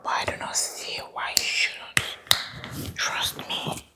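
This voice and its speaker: A woman's voice: slow pace, natural voice. A woman voicing a dubious, boastful female doctor in a whispered ASMR roleplay, insisting in a sing-song way that she is a real doctor.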